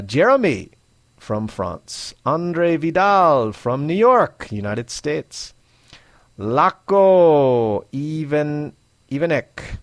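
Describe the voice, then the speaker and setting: A man's voice: medium pitch, dry recording. A man hosting an English teaching show, reading out listener greetings and pronouncing names carefully. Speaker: English teacher, podcast host.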